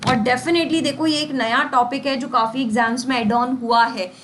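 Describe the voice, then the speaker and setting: Woman tutor, high pitch, exam-prep lesson full of rhetorical questions; roomy recording. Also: steady tone, moderate pace, background noise. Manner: explains with rhetorical questions and folksy examples. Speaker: English teacher. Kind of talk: exam-prep lesson in Hindi-English mix. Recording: echoey room, faint ambience.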